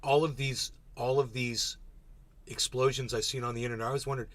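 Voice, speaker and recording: Blunt, bright-voiced man streaming casually. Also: medium pitch, little pitch movement, a little fast, no room sound. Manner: blunt, swears freely. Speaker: livestream host. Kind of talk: casual livestream monologue to chat.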